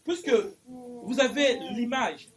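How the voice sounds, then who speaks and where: A man giving a spiritual lecture at a conference, animated, acting out little dialogues and repeating himself. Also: very high-pitched, slow. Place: conference in Paris.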